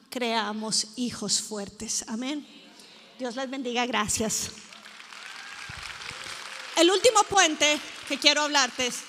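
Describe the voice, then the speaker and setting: A woman pastor preaching at a conference, telling stories with lively, acted-out quotes. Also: sits high, a little hiss or hum. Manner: lively storytelling, acting out quoted people. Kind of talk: sermon. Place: conference hall before a live audience. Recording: echoey conference hall.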